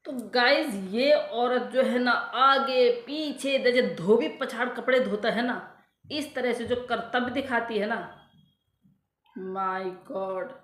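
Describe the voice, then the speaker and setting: A woman's voice: fairly high pitch, takes it slowly, a bit bright, reverberant. A woman vlogger ranting to her viewers in scornful, insulting commentary that keeps circling back on itself. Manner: scornful, insulting, repeats herself.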